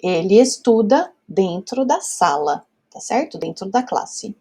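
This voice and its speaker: A woman's voice: medium pitch, sing-song, unhurried, dark tone, slightly rough. A Brazilian woman teaching French grammar step by step, patient, checking in often with her students. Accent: Brazilian Portuguese. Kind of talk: whiteboard grammar lesson.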